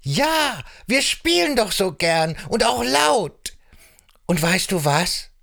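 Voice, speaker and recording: A man's voice: high-pitched, very animated, slow, gravelly, sharp tone, pitched above the performer's own voice, full character voice. A man voicing a cheerful, playful little frog in a children's audio story. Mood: delighted.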